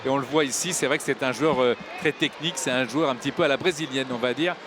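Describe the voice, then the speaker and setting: A man co-commentating live on football as excited sports commentary. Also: medium pitch, fast talker. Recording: clear outdoor stadium noise behind. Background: outdoor ambience of a football match.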